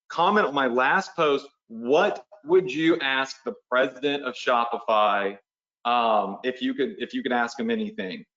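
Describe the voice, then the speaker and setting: A man's voice: on the high side, a bit bright, echoey room, highs cut off. Chatty man hosting a live training. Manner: chatty, checks in with the audience often. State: has the hiccups. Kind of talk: casual live webinar walkthrough.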